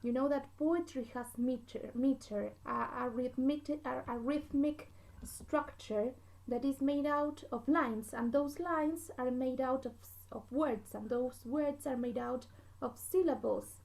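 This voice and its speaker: A woman with an Argentine Spanish accent giving a literature lecture, patient and repetitive, often checking understanding with a quick "yes?". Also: high voice, a little mellow, low-quality recording. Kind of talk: classroom lecture.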